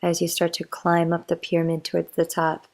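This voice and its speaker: A young woman who creates bedtime talks rambles in a chatty, meandering sleep-aid monologue packed with motivational musings and fillers. Her voice is lowish and monotone, and she speaks fairly quickly.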